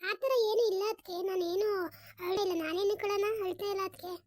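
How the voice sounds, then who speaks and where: A woman's voice: extremely high pitch, flat delivery, fairly quick, darkish tone, no echo. A woman voicing a tearful, meek young unmarried village woman in a cartoon, pleading and denying. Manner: pleading, denying, repeats "akka". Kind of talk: cartoon voice acting.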